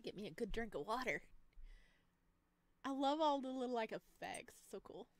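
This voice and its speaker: Her voice is a little high and expressive, moving at a moderate pace with no room sound. Hosting a gaming video over music, she offers excited, gushing let's play commentary full of exclamations and playful cutesy slang, reading game text aloud as she goes.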